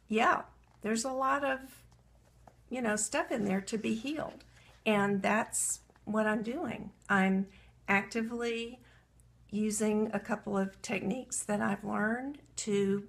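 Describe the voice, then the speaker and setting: Woman life coach talking slow on a live video, bit of vocal fry, earnest, reading out of her journal. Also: mid-range voice, fairly bright tone. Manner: earnest, self-reflective, reads aloud from a journal. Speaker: coach for women entrepreneurs. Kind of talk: live video talk with a writing exercise.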